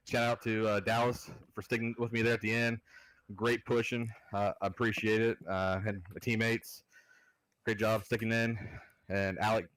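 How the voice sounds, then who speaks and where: A man, a race driver, giving hesitant post-race shout-outs full of fillers. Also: fairly low pitch, low-quality recording.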